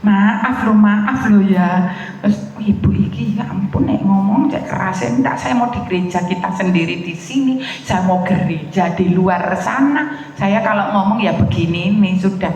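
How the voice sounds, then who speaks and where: A woman's voice: moderate pace, dull audio, slight background noise. A middle-aged woman preacher, telling stories in her sermon and acting out both sides of conversations in a raised voice. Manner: animated, acts out dialogue with raised pitch, laughs often. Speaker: evangelist preacher. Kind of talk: sermon with storytelling. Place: church hall. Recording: echoey church hall, reverberant.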